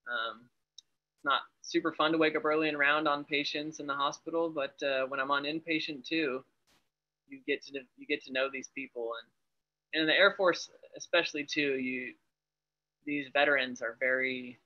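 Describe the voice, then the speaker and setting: A man's voice: a little high, fairly even intonation, normal speed, pushed and bright. A young adult man, an Air Force family medicine resident, chatting in an upbeat way and laughing easily over a video call. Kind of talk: casual video-call interview. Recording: dull video-call audio.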